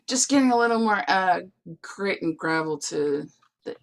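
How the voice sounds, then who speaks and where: A woman songwriter recording her own vocals, talking softly and directing herself between takes. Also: medium pitch, expressive, vocal fry. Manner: soft-spoken, unhurried, self-directing. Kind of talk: casual studio work talk.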